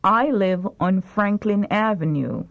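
On a dull, lo-fi tape recording, a woman reads phrasebook lines for a language course in a slow, scripted drill. Her mid-range voice is expressive, with vocal fry, and she enunciates each line carefully at a slow pace.

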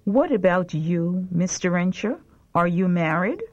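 A woman's voice: on the low side, expressive, measured pace. A woman reading phrasebook lines for a language course, carefully enunciated. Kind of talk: slow scripted phrasebook drill. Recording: dull lo-fi tape recording.

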